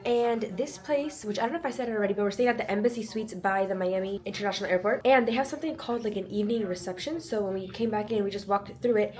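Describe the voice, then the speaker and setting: A woman's voice: medium pitch, fast, few pauses, darkish tone. A woman vlogging a trip in a chatty, upbeat way, full of "like" and "honestly.". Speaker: travel vlogger. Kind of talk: casual travel vlog narration.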